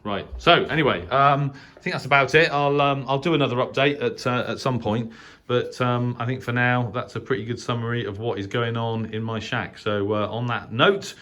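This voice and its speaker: With a medium-pitched, sharp-toned voice, a middle-aged English channel host speaks at a moderate pace, hardly pausing, while he casually walks through his shortwave radio setup. The tour is unscripted, hesitant and rambling, and takes place in a small spare-bedroom shack indoors. The room recording is clearly noisy.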